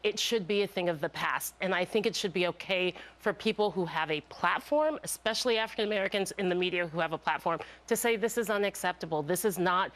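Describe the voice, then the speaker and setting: A woman's voice: lowish voice, fast talker, few pauses, fairly bright tone. A woman speaking as a political commentator in a live TV debate, firm and emphatic, building her points in lists. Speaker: political strategist, debate guest.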